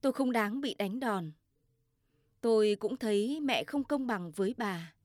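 A woman narrating a story in a measured, steady reading. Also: on the high side.

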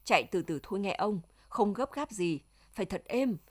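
A woman's voice: medium pitch, expressive, moderate pace, close to an everyday voice. A woman voicing a flustered village man giving fussy, careful instructions.

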